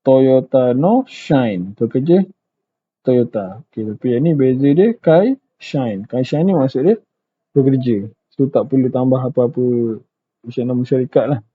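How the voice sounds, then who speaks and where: A man with a Malaysian accent teaching Japanese pronunciation in a casual online lesson, repeating words slowly and carefully and saying "okey" a lot. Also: mid-range voice, breathy edge. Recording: tinny phone-like lo-fi sound.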